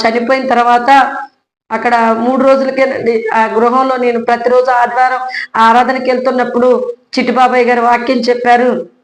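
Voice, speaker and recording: A woman earnestly recounting her personal religious testimony, speaking in a heartfelt storytelling manner and often addressing her listeners politely. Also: a little high. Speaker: church member giving testimony. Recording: echoey room.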